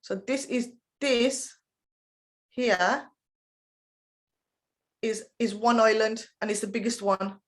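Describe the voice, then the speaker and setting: A woman's voice: on the high side, slow, long pauses. A woman leading an online training session, explaining things in a chatty way and checking in with the listeners. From United Kingdom. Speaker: intercultural trainer.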